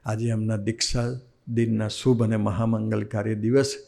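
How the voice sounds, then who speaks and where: A man's voice: on the low side, normal speed, gravelly. A man with a Gujarati accent, a swami giving a devotional sermon who tells stories and acts out the dialogue. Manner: animated storyteller acting out quoted dialogue.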